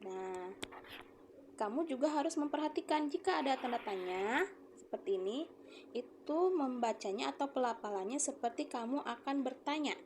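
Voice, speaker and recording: A woman's voice: sits high, lively intonation, fairly quick, darkish tone, slight background noise. A woman teacher patiently explaining to children how to read a story aloud, often checking that they understand. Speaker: primary school teacher. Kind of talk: reading-aloud lesson for children.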